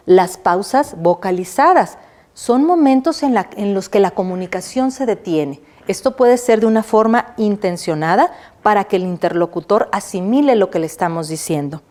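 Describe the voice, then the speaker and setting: A middle-aged woman teaches a recorded online class at an ordinary, medium pitch. She asks her students questions and then answers them herself. She keeps checking in with a short "right?" as she explains each point. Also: dark tone. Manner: checks in often with a quick "right?". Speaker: university lecturer.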